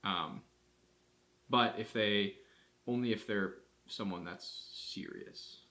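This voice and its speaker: A man with a somewhat low voice talks casually to camera about running his business. He thinks out loud, restarts sentences, and strings his thoughts together loosely. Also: slow. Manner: rambling, thinking aloud with restarts. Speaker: marketing agency owner. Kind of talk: casual day-in-the-life vlog.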